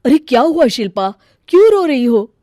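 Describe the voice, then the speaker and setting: A woman voicing a young husband who talks in a mild, reasoning way in an animated story. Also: sits high, moderate pace, dry recording, studio quality, pitched above the performer's own voice. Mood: calm.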